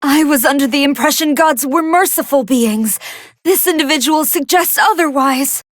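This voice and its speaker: Woman as high-pitched Android 21, earnest scientist commentator. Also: normal speed, dry recording, clean studio sound, lightly acted. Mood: curious, analytical. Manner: articulate, earnest, formal scholarly phrasing. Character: brainy young female android scientist, polite, excitable, fighting hidden hunger. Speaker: fight commentator. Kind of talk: anime video game commentary.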